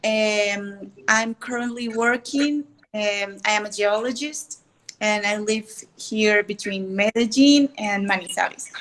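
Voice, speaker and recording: A woman in her twenties from Colombia introducing herself on a video call, slow and hesitant. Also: medium pitch, a bit bright, rough recording. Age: 20s. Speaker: geologist, club member. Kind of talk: casual chat on video call.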